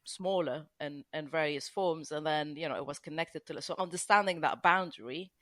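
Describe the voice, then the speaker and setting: A woman's voice: low-pitched, normal speed, fairly bright tone, no room sound. A woman from Lebanon, a guest on a podcast, explaining at length with frequent restarts and "you know". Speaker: guest archaeologist. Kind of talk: podcast conversation.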